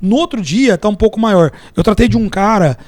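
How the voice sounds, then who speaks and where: Fast-talking Brazilian man telling stories. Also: high voice, animated, a little mellow, no echo. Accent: Brazilian Portuguese. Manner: storytelling, tells anecdotes and parables with acted-out quotes. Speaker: podcast guest, entrepreneur and mentor. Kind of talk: casual podcast conversation.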